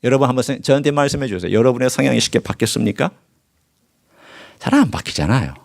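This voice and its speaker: A man's voice: mid-range voice, lively intonation, fast, vocal fry. A male pastor delivering a sermon in a church, reading scripture aloud and putting rhetorical questions to his congregation. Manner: reads scripture aloud in formal biblical diction. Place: church sanctuary.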